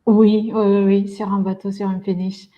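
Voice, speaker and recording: A woman's voice: mid-range voice, flat delivery, normal speed, mellow, lo-fi sound. A woman, a guest on a podcast, talking at length with frequent hesitations and fillers. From Belgium. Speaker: guest, event organizer. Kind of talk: podcast interview.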